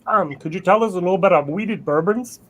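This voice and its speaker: A man's voice: high voice, fast. A man hosting a casual online tasting and interviewing the guests. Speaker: host.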